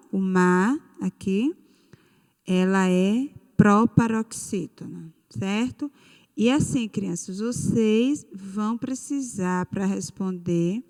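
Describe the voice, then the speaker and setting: A woman's voice: medium pitch, a little mellow, in a large hall. A Brazilian woman teacher giving a recorded lesson to children, patiently drawing out key words. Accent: Brazilian Portuguese. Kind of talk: recorded online class for children.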